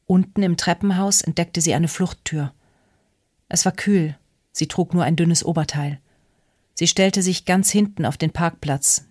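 An audiobook narrator reading a novel in an even, measured way. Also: mid-range voice, no room sound, clean studio sound. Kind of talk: scripted narration.

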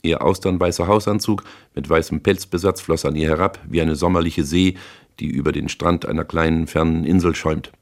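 A man narrates a first-person crime novel in a measured, dry, hard-boiled way. His voice sits very low. The reading is steady and unhurried. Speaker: audiobook narrator.

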